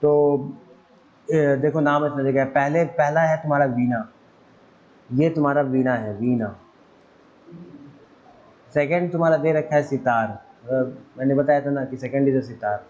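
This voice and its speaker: Chatty male teacher, mellow dull recording. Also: medium pitch, unhurried, pauses often. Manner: chatty, admits forgetting, imitates instrument sounds. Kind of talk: casual classroom lesson.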